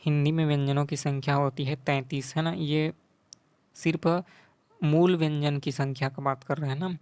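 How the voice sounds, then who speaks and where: A male tutor talks through quiz answers in an even, level voice that barely rises or falls. He keeps checking in with the listener after each point. The sound is close and dry, with no room echo. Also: on the high side, normal speed, clear, resonant tone. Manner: repeats "ठीक है" and "है ना" often. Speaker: teacher.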